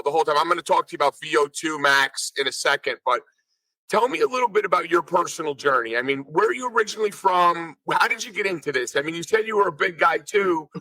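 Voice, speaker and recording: A man hosting a podcast interview, casual and joking with quick interjections. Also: fairly high pitch, sharp tone, no room sound, low-quality recording. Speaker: podcast host.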